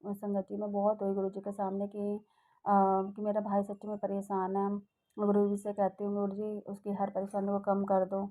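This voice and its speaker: A middle-aged woman recounts a personal devotional testimony in a warm, dark-toned voice. She rambles, stops often to hesitate and restart, and sounds heartfelt throughout. Her pitch sits in an ordinary middle range. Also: monotone, normal speed, rough recording.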